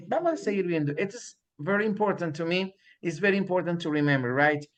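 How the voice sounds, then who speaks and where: A man teaching an English class in Spanish and English, repeating example sentences slowly for his students. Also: high-pitched, animated, faint music behind.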